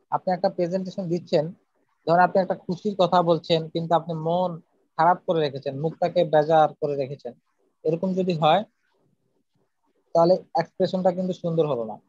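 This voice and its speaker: A man's voice: on the high side, mellow, dry recording. A man teaching a public speaking lesson, earnest and methodical, going through numbered points. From Bangladesh. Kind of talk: spoken lesson. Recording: slightly dull, dry recording.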